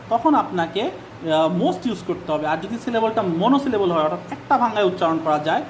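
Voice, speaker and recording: A teacher speaking who gives a patient grammar lesson, repeating key words, spelling them out slowly and asking rhetorical questions. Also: mid-range voice, a little hiss or hum. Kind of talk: classroom-style grammar lesson.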